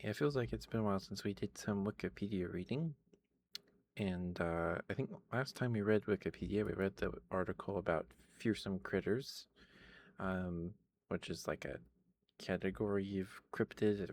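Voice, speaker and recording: A man speaking softly in a casual ASMR style, reading and chatting, with a tired, worn-out voice. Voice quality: low, creaky voice. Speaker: ASMR host reading aloud. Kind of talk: soft-spoken ASMR reading and chat.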